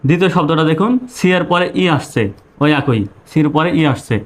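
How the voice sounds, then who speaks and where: A man's voice: fairly high pitch, a little fast. A man teaching English pronunciation in an online video lesson, speaking. He is patient and repetitive, asking questions and answering them himself.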